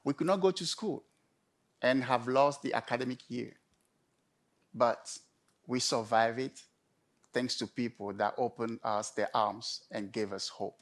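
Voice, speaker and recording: A man delivering a prepared storytelling talk in measured, emphatic short phrases with pauses. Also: mid-range voice. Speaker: conference speaker.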